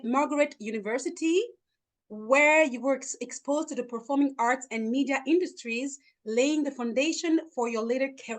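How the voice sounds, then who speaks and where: A woman interviewer who reads out a guest's bio and asks questions in an upbeat manner. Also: high voice. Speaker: interviewer, host. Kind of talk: interview, reading a prepared bio.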